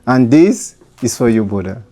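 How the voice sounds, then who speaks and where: A man's voice: medium pitch, expressive, moderate pace, dark tone, soft background music. A man, a designer, speaking earnestly in broken English and often repeating his words. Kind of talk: casual chat in broken English.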